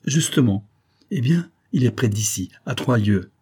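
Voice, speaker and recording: A man's voice: medium pitch, lively intonation, unhurried, dark tone, breathy edge. A man voicing a shrewd, good-natured old country farmer who talks in a knowing, folksy, insistent way.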